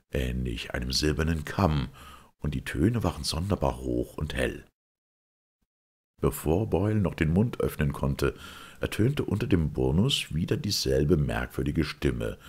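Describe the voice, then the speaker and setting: Man reading audiobook, very deep, husky, lively intonation. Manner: expressive, dramatic. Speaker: audiobook reader. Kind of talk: literary narration.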